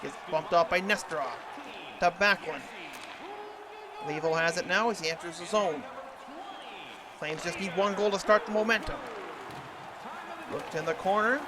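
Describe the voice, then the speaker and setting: A man's voice: sits high, moderate pace, long pauses, a crowd in the background, background noise. A man calling hockey play-by-play over a video game in the manner of a TV sports announcer. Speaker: sports commentator.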